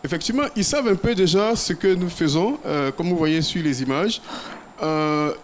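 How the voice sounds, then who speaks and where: A man, a teacher trainer interviewed as a guest in a TV studio, speaking in a measured way with frequent hesitations. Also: a little high, a little hiss or hum.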